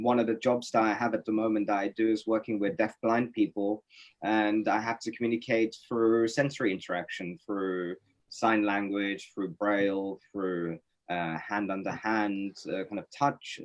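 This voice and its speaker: A man's voice: lowish voice, fairly even intonation, moderate pace. A man from Norway, a poet and interview guest, giving thoughtful, reflective answers with many fillers and restarts on a webinar call. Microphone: webinar video call.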